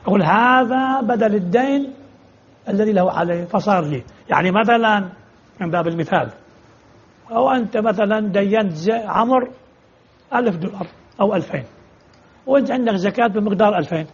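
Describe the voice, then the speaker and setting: Husky, fast-talking male religious law teacher. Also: sits high, lively intonation, dull audio. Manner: explains with repeated examples and rhetorical questions. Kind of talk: jurisprudence lecture answering students.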